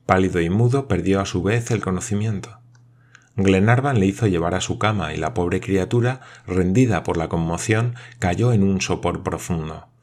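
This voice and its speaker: A man narrating an audiobook in a steady, dramatic reading. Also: deep voice, moderate pace.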